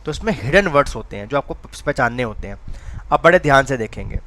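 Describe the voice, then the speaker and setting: A man's voice: medium pitch, animated, fast talker, fairly bright tone. Man, grammar teacher, classroom lecture, rhetorical questions, repeats key points. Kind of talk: classroom lecture for exam preparation. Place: classroom with online students.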